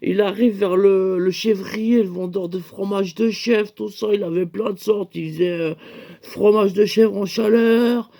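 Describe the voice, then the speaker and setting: A man's voice: high-pitched, steady tone, moderate pace, gravelly, hardly any pauses, mellow. A young man telling a rambling comic story, with laughing asides and acted-out quotes.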